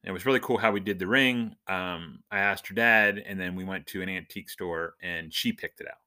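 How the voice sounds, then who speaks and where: An adult man, a husband and father who is both a podcast host and a church minister, delivers a casual, humorous podcast monologue. His low voice is bright, brisk and clean, and he jokes around as a self-described nerd.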